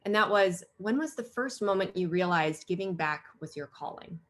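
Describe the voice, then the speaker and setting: A woman's voice: fairly low pitch, animated, normal speed. Upbeat woman hosting a video chat. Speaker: host and moderator. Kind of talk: virtual fireside chat.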